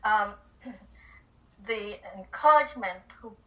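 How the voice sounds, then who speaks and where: Older Cambodian-born woman, bright voice. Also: medium pitch, slow pace, far from the mic, low-quality recording. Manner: earnest, simple phrasing with small grammar slips. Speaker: guest, author and speaker. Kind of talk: telling her life story in an interview.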